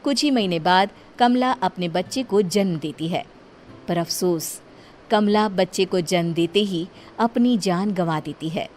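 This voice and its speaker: A woman's voice: on the low side, unhurried, darkish tone, slight background noise. Woman narrating a dramatic horror tale. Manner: dramatic storytelling. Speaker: storyteller. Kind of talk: scripted horror story narration.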